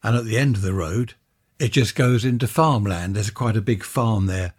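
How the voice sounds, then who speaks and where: A man's voice: lowish voice, normal speed, husky. A man from West Sussex, chatting and rambling as he narrates a casual walkabout vlog on a handheld microphone. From West Sussex, England. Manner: chatty, rambling, thinking aloud. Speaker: vlogger.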